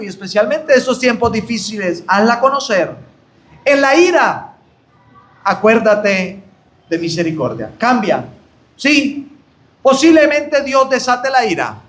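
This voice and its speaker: A man's voice: extremely high pitch, a bit bright. A man with a Colombian accent, preaching a fervent Bible study sermon to his brethren. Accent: Colombian Spanish. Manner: fervent preaching, rising on exclamations, addressing "hermanos".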